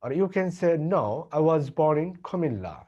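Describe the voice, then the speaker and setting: A man's voice: fairly high pitch, sing-song, dark tone. Bangladeshi man teaching English, lo-fi. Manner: slow, deliberate repetition of example sentences. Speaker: English tutor. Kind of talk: language lesson with model dialogues.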